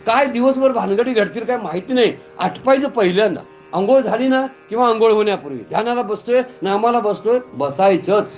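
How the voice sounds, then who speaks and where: A man preaching a devotional story sermon in a temple, animated and full of rhetorical questions. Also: sits high, a little fast, hardly any pauses, highs cut off. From Kolhapur, Maharashtra. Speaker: Bhagavat katha preacher. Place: temple gathering.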